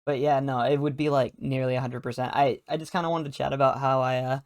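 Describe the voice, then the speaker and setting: A man's voice: medium pitch, flat delivery, fast talker, darkish tone, dry recording. Rambling young man, dry sound. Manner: rambling, laughing often, many fillers. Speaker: video creator. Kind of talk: casual chat.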